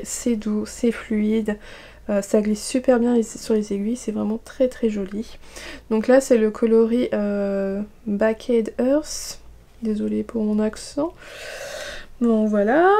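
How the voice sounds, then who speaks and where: A woman's voice: a little high, dark tone. A French woman hosting a knitting vlog, chatting casually and rambling with many fillers and asides. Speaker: knitting podcast host.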